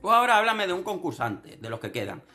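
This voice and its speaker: A man's voice: sits high, big pitch swings, fast, bright, forceful tone, soft background music. A young man with a Canarian Spanish accent giving sarcastic, theatrical commentary on a reality show. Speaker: TV commentary vlogger.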